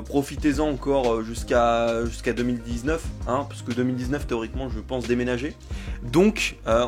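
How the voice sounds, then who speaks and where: A young man hosting a casual talk, reading out viewer comments and rambling with many fillers and restarts. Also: mid-range voice. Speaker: manga video host.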